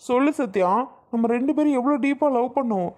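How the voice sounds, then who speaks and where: A woman's voice: on the high side, fairly quick, dark tone, lightly acted. Woman voicing a pleading lovesick young man. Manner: pleading, insistent. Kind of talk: cartoon voice acting.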